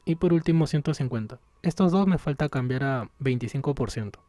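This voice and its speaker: A man teaching a recorded online class, explaining patiently and thinking aloud as he works through software, from a room at home near the street. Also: mid-range voice, animated, a little fast, no room sound.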